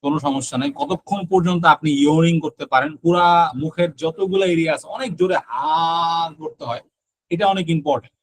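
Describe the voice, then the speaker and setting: A man with a Bangladeshi accent leads an online class, his voice a little on the high side. He explains step by step, pausing on fillers and often checking that students follow. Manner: explains slowly with frequent fillers and check-ins. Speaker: IELTS teacher.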